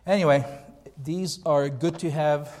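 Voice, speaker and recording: An American pastor, also a seminar speaker, gives an informal training talk to a group in a large hall, repeating points for emphasis in a conversational way. His voice is fairly high, fairly even and a little mellow at a measured pace, and the hall is echoey with long reverb.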